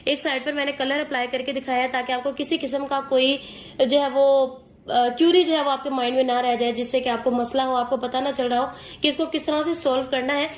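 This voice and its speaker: A woman with a high voice teaches makeup step by step, sounding hoarse as she strains to talk. She explains patiently and keeps checking in with her viewers. The room has a noticeable echo. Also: fairly even intonation, fairly quick. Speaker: makeup tutor.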